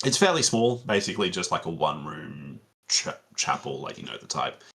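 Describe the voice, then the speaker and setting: A man narrating a tabletop game as game master in a relaxed, meandering way with many fillers. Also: extremely low pitch, a little fast, creaky.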